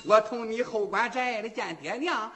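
A man's voice: sits high, moderate pace, fairly bright tone, a little hiss or hum. A man voicing a timid, eager young sworn brother. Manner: eager, pleading lines.

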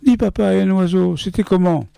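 A man doing a small storybook boy with a raised, childlike voice that pleads and pesters, asking question after question. The sound is dry and close, with a gravelly edge creeping through. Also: sits high, a little fast, mellow, dry recording, pitched above the performer's own voice. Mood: pleading.

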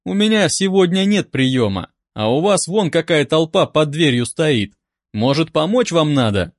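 A man's voice: a little high, animated, moderate pace, no echo, studio quality. A man voicing a smug, spiteful male doctor who sneers and feigns sympathy. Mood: mock-sympathetic.

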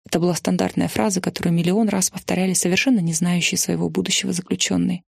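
A woman reading her own memoir in the first person, steady and earnest. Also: on the low side, quick pace, creaky, husky, no room sound, studio quality. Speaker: narrator.

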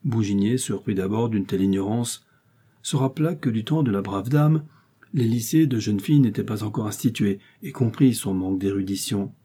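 A man reading a comic classic short story aloud in a measured, lively storytelling manner. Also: fairly low pitch, slightly rough. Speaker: audiobook reader.

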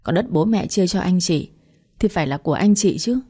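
A woman's voice: on the low side, animated, fairly quick, mellow, breathy edge. A woman voicing an aggrieved wailing wife. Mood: indignant. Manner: wailing, indignant. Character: aggrieved middle-aged village wife.

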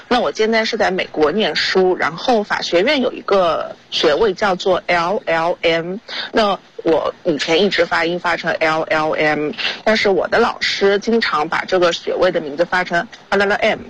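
A man's voice: sits high, fairly bright tone, slightly rough, rough recording. A man asking the hosts a question in a recorded message, explaining carefully and a little hesitantly.

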